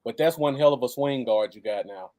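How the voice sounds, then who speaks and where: A man's voice: mid-range voice, fairly quick, mellow. An American man chatting casually as co-host of a live football fan show. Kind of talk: casual live sports chat.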